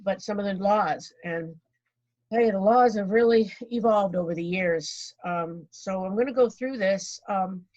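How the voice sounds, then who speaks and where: A woman with a Boston accent giving an online presentation, rushing ahead with many fillers and restarts. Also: medium pitch, a little mellow. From Boston, Massachusetts. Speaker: guest speaker. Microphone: video call. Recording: dull lo-fi video call audio.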